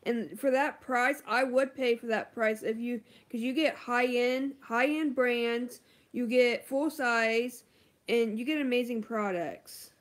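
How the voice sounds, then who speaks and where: A woman's voice: on the high side, slow pace. A woman beauty vlogger chatting casually on a livestream, answering viewer comments with lots of ums and likes.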